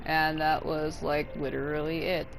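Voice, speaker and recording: A woman gaming streamer gives casual, rambling commentary over video game music, sounding a bit tired and unwell. Her low, creaky voice is flat and a little slow, and the recording is very noisy.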